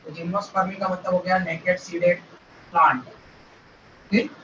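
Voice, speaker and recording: A man's voice: high voice, little pitch movement, normal speed, pushed and bright, slight background noise. A male biology teacher giving a classroom lecture, explaining step by step, checking in with "ok?" and mixing English terms into his talk. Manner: mixes Hindi with English terms. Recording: roomy, distant, dull sound.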